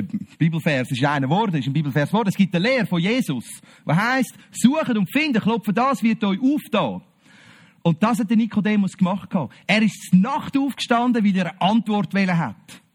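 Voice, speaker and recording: Swiss German man preaching, high voice, very lively pitch, animated storyteller. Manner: animated, acts out the Bible scenes in quoted voices. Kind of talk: sermon.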